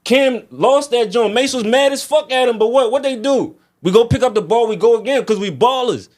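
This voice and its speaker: A man's voice: very high-pitched, fairly quick. A man talking casually as a music artist guest, venting in slangy, emphatic speech with phrases repeated for stress.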